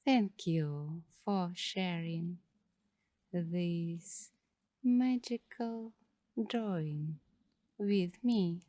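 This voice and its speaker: Speaking softly and partly in whispers, a woman with a lowish voice guides listeners through ASMR meditation. Her narration comes in brief phrases with long silences between them, captured in a dry recording.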